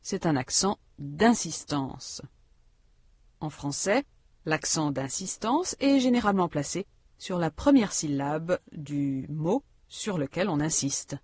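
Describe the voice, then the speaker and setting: Woman, instructional narrator, calm explanatory reading, breathy low voice, dry booth. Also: slow, no echo. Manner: calm, explanatory teacher delivery. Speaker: language-course narrator.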